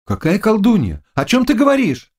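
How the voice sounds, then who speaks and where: A small knight speaks in a calm, firm voice set a little higher than plain speech, as a male audiobook reader puts him on. He stays steady and measured. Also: husky, full character voice. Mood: sober.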